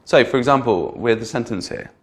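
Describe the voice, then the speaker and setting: A man's voice: mid-range voice, lively intonation. Patient male English pronunciation teacher. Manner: patient, repeats and slows down example words. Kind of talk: online pronunciation lesson.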